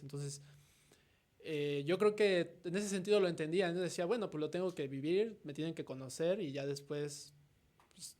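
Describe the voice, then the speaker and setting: A Mexican man in his twenties, the guest artist in a laid-back interview, speaks in a voice a bit high for a man. He thinks aloud reflectively, tagging nearly every thought with a quick, questioning "no?"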